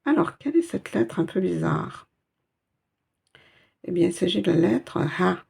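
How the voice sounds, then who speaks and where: A woman's voice: fairly low pitch, animated, a little slow, gravelly, darkish tone, slightly rough. A woman teaching a step-by-step Arabic reading lesson in French, patient and explaining each letter and sound.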